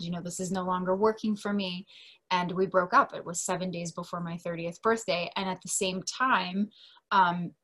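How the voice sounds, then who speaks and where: An American woman in her mid thirties from Delaware, a teacher and coach, talks casually and expressively about herself as a podcast interview guest. Her voice is fairly low in pitch and a bit bright.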